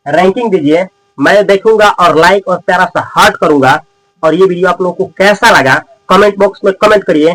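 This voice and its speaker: High-voiced teacher drilling words. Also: male voice, fairly bright tone, poor audio. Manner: addresses viewers as friends and brothers, repeats words slowly for drill. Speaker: English teacher. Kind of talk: classroom lesson.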